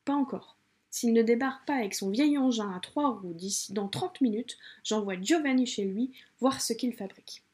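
A woman's voice: fairly high pitch, normal speed, a little mellow, natural voice. A woman voicing a motherly, bossy Italian café owner with a put-on Italian accent, fussing and scolding. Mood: brisk.

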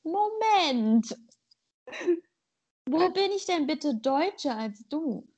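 This woman's voice sits high, swings widely in pitch, and is a little mellow, moving very slowly. A German-born podcast co-host, she chats casually with a blunt, playful manner, extending her jokes.

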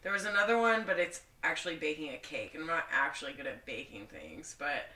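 A woman's voice: low voice, expressive, a little fast, bright, forceful tone. Blunt, sweary woman in a roomy recording. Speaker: podcast co-host. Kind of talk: casual chat. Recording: roomy echo, slightly distant mic.

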